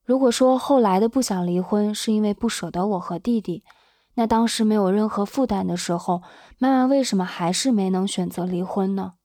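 Brief: woman, 20s, interviewer-narrator, warm-toned, measured scripted delivery. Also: medium pitch, no echo, clean studio sound. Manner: calm, measured storytelling. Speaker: interviewer and narrator, daughter of the guest.

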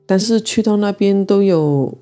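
A woman's voice: medium pitch, mellow, faint music behind. A woman from Guangzhou, reflectively telling her own love story. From Guangzhou, China. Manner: reflective, unhurried and emotional in recounting. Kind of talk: personal storytelling.

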